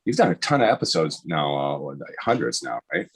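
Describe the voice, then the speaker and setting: A man hosting a casual video-call interview, talking haltingly with lots of fillers and restarts. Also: extremely low pitch, big pitch swings, slightly rough. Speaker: host.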